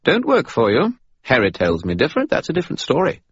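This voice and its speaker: A man's voice: medium pitch, wildly swooping pitch, fast, husky, no room sound, dull audio, voice pushed up. A man voicing a sarcastic, patronizing male spirit who lives in a skull.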